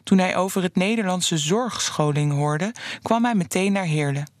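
A narrator reading a scripted fiction story in a measured, even storytelling manner. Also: mid-range voice, dry recording, clean studio sound.

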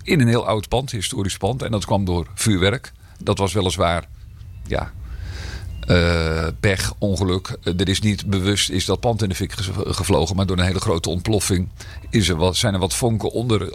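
A mayor talks in a podcast interview while fighting a slight cold and a rough throat, sounding hesitant with many fillers and restarts. His voice is low and husky, at a moderate pace.

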